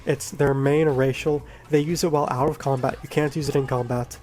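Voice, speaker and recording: A man with a groggy voice from being sick, casually explaining a video game in a relaxed, rambling way and correcting himself as he goes. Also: medium pitch, a little fast. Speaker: gaming video creator. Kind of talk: casual game guide talk.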